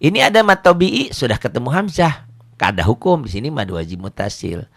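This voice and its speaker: Man, middle-aged, Quran reading teacher, casual joking lessons, repeats himself, medium pitch. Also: gravelly. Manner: relaxed, joking, repeats words, recites verses slowly.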